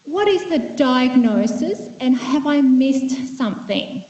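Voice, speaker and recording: A woman's voice: sits high, animated, slow pace, a little mellow, a little hiss or hum. A woman psychiatrist from Vietnam giving a conference talk, conversational and thoughtful, with many fillers and restarts. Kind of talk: conference presentation. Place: lecture room. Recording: echoey hall, dull lo-fi sound.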